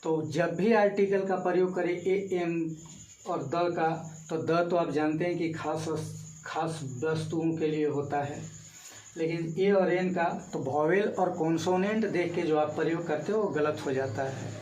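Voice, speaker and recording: Slow, high-voiced male tutor, echoey room. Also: darkish tone, slight background noise. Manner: slow, explanatory, walks through each option. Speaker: teacher. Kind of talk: exam-prep grammar lesson. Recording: echoey room, mic far off.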